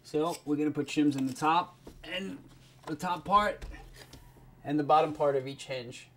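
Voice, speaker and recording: A man's voice: fairly high pitch, a little slow, slight background noise. A man working as a contractor gives an informal product demonstration, explaining each step in a plain-spoken, folksy way.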